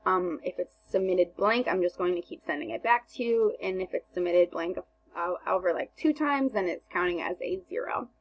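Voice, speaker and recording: A woman teacher talking students through a recorded remote lesson step by step, starting most sentences with "so" and filling pauses with "um". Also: fairly low pitch, rough recording. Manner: explains step by step, many "um"s and "so"s.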